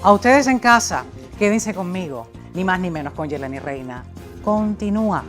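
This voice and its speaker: A woman hosts a talk show, leading her guests through the conversation. She wraps up segments in a polished announcer style, and soft music plays underneath. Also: on the low side, lively intonation, moderate pace.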